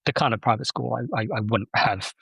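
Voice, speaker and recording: A man's voice: mid-range voice, fairly quick, gravelly, fairly bright tone, breathy edge, no room sound. A man from Malaysia, a podcast guest, talking casually in a reflective way, often restarting his sentences. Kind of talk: casual interview talk.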